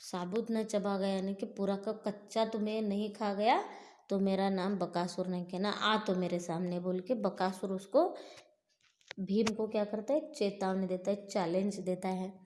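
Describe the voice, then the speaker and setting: A woman's voice: medium pitch, fairly even intonation, moderate pace, a little mellow. A middle-aged woman teacher explaining a story to students in a chatty way. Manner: chatty, explaining words, speaking to pupils. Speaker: school teacher.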